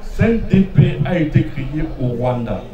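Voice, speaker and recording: A man questioning in court, formal and halting in his phrasing. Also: on the high side, expressive. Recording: muffled, echoey, noisy from far off.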